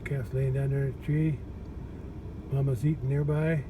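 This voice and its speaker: A man's voice: medium pitch, little pitch movement, normal speed. A man thinking aloud in a casual vlog as he does farm chores outdoors, rambling in a folksy way and repeating himself. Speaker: farmer narrating his own chores. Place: outdoors on a farm, partly around a vehicle. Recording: noisy outdoor recording, vehicle noise.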